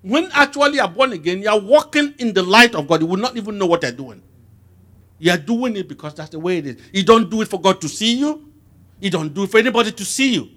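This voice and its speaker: A man preaching with a voice that swings widely up and down and sits a little high for a man. He throws questions out to his listeners so they answer back, pressing each point with emphasis. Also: fast talker. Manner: lively, emphatic call-and-response questioning. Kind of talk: sermon.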